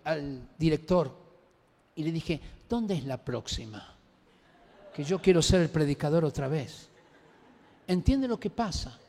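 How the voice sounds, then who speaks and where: A man preaching a sermon, telling a personal story in an animated, emphatic way. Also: on the high side. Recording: long reverb of a large hall.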